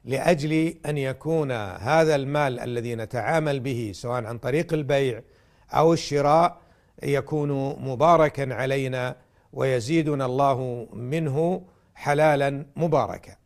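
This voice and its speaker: A man's voice: medium pitch, moderate pace. A man giving a religious talk in formal standard Arabic, teaching in a didactic way and setting out his points one by one. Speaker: religious programme host and lecturer.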